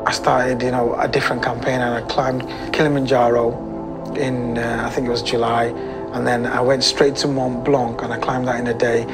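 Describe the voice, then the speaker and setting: A British man, an adventurer, telling his story in a lively, conversational way and speeding up when excited. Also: medium pitch, moderate pace. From United Kingdom. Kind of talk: interview storytelling. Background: background music.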